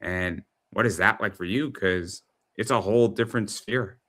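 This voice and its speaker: A man in his thirties hosting a casual interview, who often repeats words in quick, excited bursts. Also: lowish voice. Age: 30s. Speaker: host.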